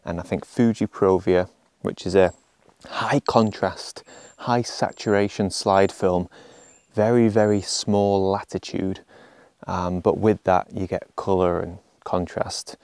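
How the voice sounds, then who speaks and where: A man in his thirties, a landscape photographer, talking a shoot through on location. His voice sits low and sounds dry and close despite the open woods, with a calm, explanatory manner. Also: slow pace, no echo. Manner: calm, explanatory, counts a long exposure in a whisper. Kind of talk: on-location vlog narration. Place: outdoors in an autumn beech forest.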